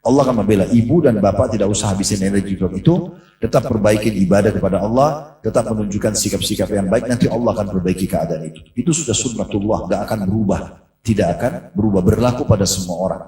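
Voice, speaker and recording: A man's voice: lowish voice, fast talker, warm tone, slight background noise. A man preaching a sermon in a mosque, telling a story and acting out the voices in it. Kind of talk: sermon to a congregation. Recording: echoey room from a distance.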